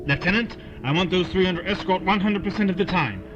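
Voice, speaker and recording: A high-pitched, natural-sounding man speaks quickly as a stern, suspicious army colonel in an audio drama, giving brisk, clipped commands. The audio is dull and lo-fi, with loud music playing behind.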